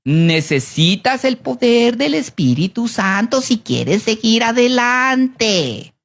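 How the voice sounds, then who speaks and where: A preacher giving a sermon, animated, often asking the congregation to answer yes or no. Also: slow pace. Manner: animated, with big swings in pitch and pace.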